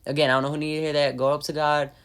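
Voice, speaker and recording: A woman's voice: low voice, flat delivery, racing, clear, resonant tone. A woman giving an informal spoken devotional message as a faith vlogger, earnest and urging, often repeating herself and restarting phrases.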